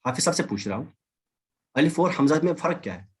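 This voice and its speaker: Husky man teaching a class online. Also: a little high, lively intonation. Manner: patient, repeats and drills examples. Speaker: Arabic teacher. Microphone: video call.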